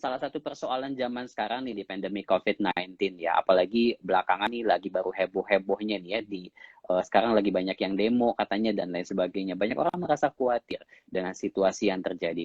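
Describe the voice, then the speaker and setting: A man's voice: lowish voice, fast talker, darkish tone, no room sound. A man from Indonesia hosting a live-stream interview, summing up and asking long questions. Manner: sums up and asks long questions. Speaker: host. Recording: dull lo-fi live-stream audio.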